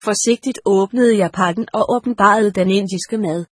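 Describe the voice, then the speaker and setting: A woman reads a first-person story aloud in a steady, measured voice. Her tone is slightly breathy and sits at a middle pitch, recorded close and dry with no room sound. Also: no room sound. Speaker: audiobook narrator. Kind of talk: first-person audiobook narration.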